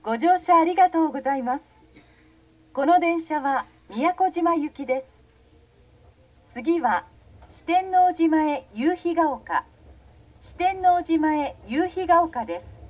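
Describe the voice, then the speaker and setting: High-voiced female subway announcer. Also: animated, a little slow, long pauses, darkish tone, rough recording. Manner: formal, carefully phrased. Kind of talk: scripted station announcements.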